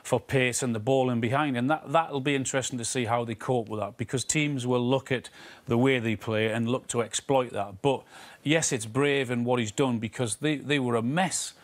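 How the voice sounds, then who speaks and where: A middle-aged man giving measured post-match analysis in a TV studio, often repeating words as he explains. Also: mid-range voice, fairly even intonation, no room sound. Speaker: football pundit.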